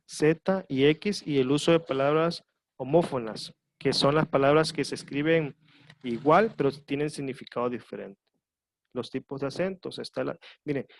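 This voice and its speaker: A man teaching a high school class online, patiently explaining and repeating key points. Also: creaky, a little mellow, no echo.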